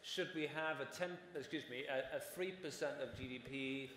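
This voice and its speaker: A man's voice: mid-range voice, normal speed, fairly bright tone, slight background noise. A man in his forties speaking as a panelist at a conference, explaining at length and often checking in with "right?". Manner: explanatory, frequent "right?" tags. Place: large conference hall on stage. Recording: roomy hall with long reverb.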